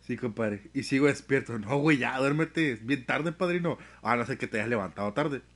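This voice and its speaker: A young man with a Mexican accent, chatting casually on a live stream, full of slang and swearing, telling stories with animated energy. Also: mid-range voice, moderate pace. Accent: Mexican Spanish.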